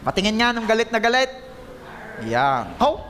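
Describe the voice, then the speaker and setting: Guy pastor preaching in church, high voice, jokey and teasing, chatty sermon. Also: very animated, normal speed, fairly bright tone, a little hiss or hum. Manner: playful, joking, teasing the congregation. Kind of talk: conversational sermon. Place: church service.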